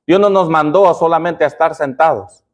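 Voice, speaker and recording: A man's voice: on the high side, moderate pace. A man pastor preaching a sermon, constantly asking the congregation questions and answering them himself. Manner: call-and-response questioning of the congregation.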